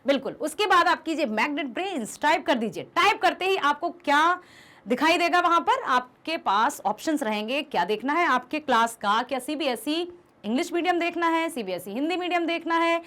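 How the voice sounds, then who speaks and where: A young woman teacher giving a lively revision lesson, asking her students questions and explaining patiently. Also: high-pitched, moderate pace. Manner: addresses students affectionately as "beta". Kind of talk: Hindi class revision lesson.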